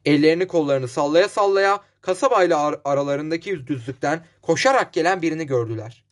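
A man reading a novel aloud in measured scripted narration. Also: on the high side. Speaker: audiobook narrator.

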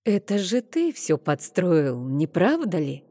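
A woman reading an audiobook, voicing a serene female temple priestess who speaks slowly, calmly and sternly. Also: fairly low pitch, big-room sound, heavily acted. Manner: slow, calm, stern.

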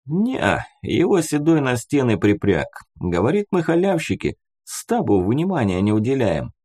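A man's voice: medium pitch, wildly swooping pitch, a little slow, a little mellow, husky, voice pushed up, full character voice. A man voicing an easygoing young male student who jokes in casual banter. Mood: joking.

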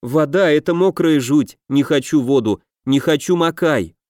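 A man's voice: a little high, normal speed, darkish tone, no echo, studio quality, natural voice. A man reading an audiobook voices a cowardly male swamp hunter who whimpers, wails and speaks in broken grammar. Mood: wailing.

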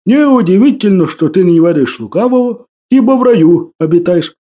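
A man's voice: high voice, animated, normal speed, warm tone. A man doing a fervent old hermit. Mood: bewildered, fervent. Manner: old-fashioned churchly phrasing, fervent. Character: old pious hermit man, bewildered, archaic speech.

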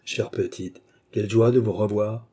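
A man's voice: fairly low pitch, unhurried, warm tone, husky. Man voicing a leering, gloating old villain. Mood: sneering. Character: lecherous mocking old man, deformed. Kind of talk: audiobook reading.

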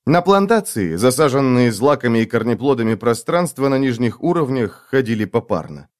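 A man narrating a dramatic audiobook in an expressive, first-person storytelling manner. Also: medium pitch.

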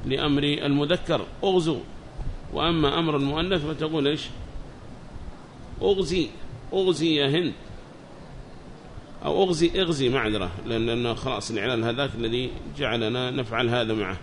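A man's voice: mid-range voice, fairly quick, long pauses, a little hiss or hum. A man teaching a lesson on classical Arabic grammar. He reads a text aloud, explains it, and asks his students questions as he goes.

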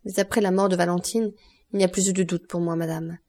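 A woman's voice: fairly low pitch, steady tone, darkish tone, natural voice. A woman reading a cold, stern magistrate. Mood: cold, accusing. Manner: measured, cutting, contemptuous. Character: cold stern male magistrate, icy and accusing.

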